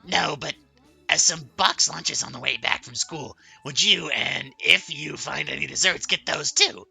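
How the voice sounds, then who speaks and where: An actress voicing a teasing, blunt adult woman writer in a video game, with a sly, deadpan, sing-song manner. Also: low voice, unhurried, vocal fry, breathy edge, no echo, faint music behind, exaggerated voice. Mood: breezy.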